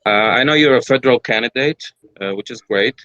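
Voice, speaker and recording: A man's voice: mid-range voice, brisk, sharp tone, no room sound, muffled recording. A middle-aged man from Iraq with an Iraqi accent, asking a hesitant question at a public forum. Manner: hesitant, many filler sounds and restarts. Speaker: audience member asking a question.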